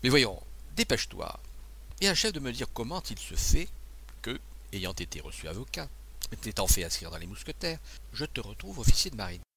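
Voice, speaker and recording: A male reader as a kindly, excitable abbé; flustered, stammering, lively swings in pitch. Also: normal speed, creaky, breathy edge, heavily acted. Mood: chatty. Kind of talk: audiobook dialogue.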